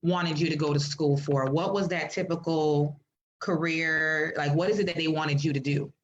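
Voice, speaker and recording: Chatty low-voiced woman host, lo-fi. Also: moderate pace, a little hiss or hum. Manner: lively, informal, chatty. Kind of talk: live-stream interview hosting. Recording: dull lo-fi stream audio.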